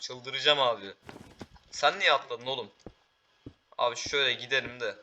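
A teenage boy giving excitable live commentary while playing a game, calling out to teammates and viewers. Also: medium pitch, fairly quick, lo-fi sound, a little hiss or hum. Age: teens. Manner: excitable, talks to teammates and viewers, frequent exclamations. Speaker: gaming YouTuber.

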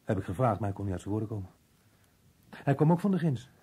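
A confused, evasive fellow in an old radio show. His voice is very husky and mellow, and he rambles haltingly with lively swings in pitch. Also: full character voice. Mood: rambling, confused. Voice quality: husky, rough. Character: muddled, evasive working-class man, slow to grasp questions. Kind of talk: old radio drama acting.

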